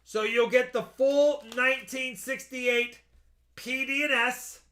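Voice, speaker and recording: A man gives a casual live auction sales pitch in an unusually high, bright voice. He takes his time and repeats details carefully for buyers. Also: fairly even intonation, slow pace. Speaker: host selling coins by live auction.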